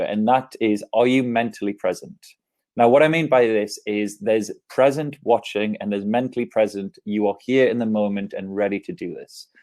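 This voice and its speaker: An upbeat Englishman in his thirties presents a conference keynote from an office, speaking into an earphone mic on a video call. His voice sits on the low side, with a soft, mellow tone. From England. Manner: upbeat, gestures with his hands as he talks. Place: office, indoors.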